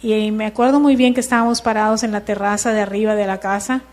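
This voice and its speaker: A middle-aged woman, telling her personal testimony in church in a lively storytelling way. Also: medium pitch, fast. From Mexico. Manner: lively storytelling, acting out dialogue. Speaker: church member giving testimony.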